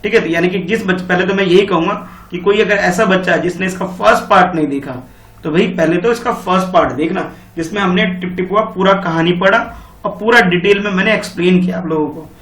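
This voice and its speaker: Male teacher, high voice, patient and repetitive, recorded a little off-mic in a room with echo. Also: a little fast, fairly bright tone, far from the mic. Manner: explains patiently, repeats key points, calls students beta. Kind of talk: online Hindi grammar lesson for children.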